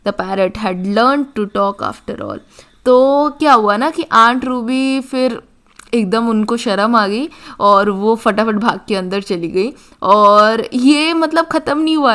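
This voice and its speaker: Lady teacher explaining a story, clear smooth voice, reads slow then talks fast n loose. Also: a little high, fairly bright tone. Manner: slow, deliberate reading of English, quick loose Hindi explanation with many fillers. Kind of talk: reading an English story aloud and explaining it in Hindi.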